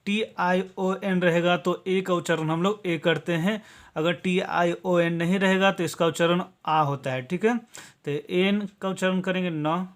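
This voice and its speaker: A man from Bihar, India, teaching English to viewers in a patient, step-by-step classroom style, checking in with 'okay?' after nearly every point. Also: sits high. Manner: patient step-by-step explaining, tags many lines with 'okay?'.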